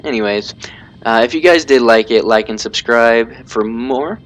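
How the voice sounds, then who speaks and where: At a medium pitch and a slightly slow pace, a man narrates his gameplay live in a casual way. Tactics get explained mid-play, along with thinking aloud and jokes at the expense of his own mistakes.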